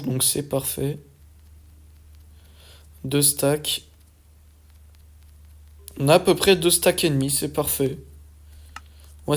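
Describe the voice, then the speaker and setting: A young man giving casual let's-play commentary, excitable and swearing often as he talks to his viewers. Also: medium pitch. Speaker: gaming YouTuber.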